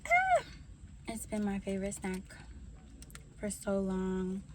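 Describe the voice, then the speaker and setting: Unhurried woman chatting while snacking. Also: medium pitch, a little hiss or hum. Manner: relaxed, slow and unhurried, talks while snacking. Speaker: vlogger sharing intuitive messages. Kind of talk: casual vlog chat while eating.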